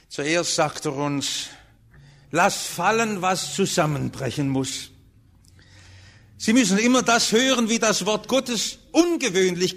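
High-voiced male preacher, emphatic. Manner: emphatic preaching with strong rises and hushed drops. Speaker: pastor. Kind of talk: sermon.

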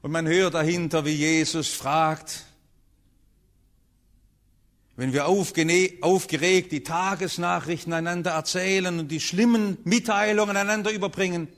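A man preaching a sermon as pastor, emphatic, swinging between raised urgent passages and hushed low ones. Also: fairly even intonation, moderate pace, hardly any pauses. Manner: emphatic preaching with strong rises and hushed drops.

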